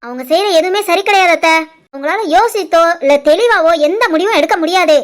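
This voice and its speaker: A woman voicing a defiant, sharp-tongued young wife arguing with her mother-in-law in an animated family story, with a Tirunelveli Tamil accent. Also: extremely high pitch, brisk. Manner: defiant, argumentative.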